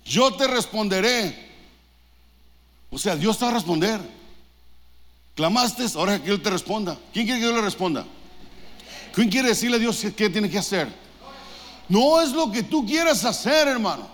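A man's voice: sits high, lively intonation, moderate pace, pauses often, fairly bright tone, big-room sound. A man preaching a sermon as pastor, fervent and exhorting, throwing questions to the congregation. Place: church.

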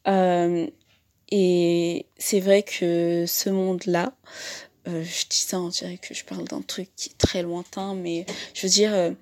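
A woman's voice: on the low side, level tone, a little slow, darkish tone. A woman hosting a podcast, introducing her episode in a casual, hesitant way with many fillers and restarts. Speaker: podcast host and interviewer.

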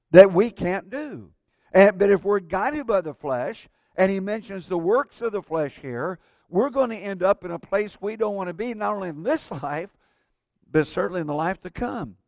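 A man preaching a sermon at a pulpit microphone, earnest and measured, slowing down to stress key words. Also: high voice, expressive, a little mellow, dry recording.

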